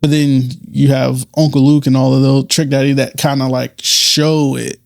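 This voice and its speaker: A man's voice: medium pitch, flat delivery, normal speed, vocal fry, no room sound, clean studio sound. A man from Atlanta hosting a casual chat, laid-back and laughing often. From Atlanta, USA. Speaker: host.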